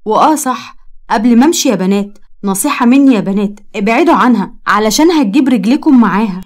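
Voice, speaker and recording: Earnest young student girl with an Egyptian accent, scolding and reproachful, quick and a little high, as a female narrator puts her on. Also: lively intonation. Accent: Egyptian Arabic.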